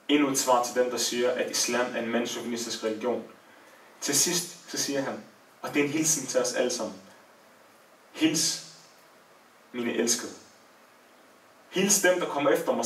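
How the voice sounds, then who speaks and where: Man preaching in an echoey hall. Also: medium pitch. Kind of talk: Islamic sermon storytelling. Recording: echoey room, voice from far off.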